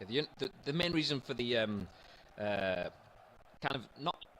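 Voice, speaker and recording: A man doing color commentary on a football video game tournament from a studio, giving measured, halting analysis. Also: mid-range voice, animated, a bit bright, a little hiss or hum, low-quality recording.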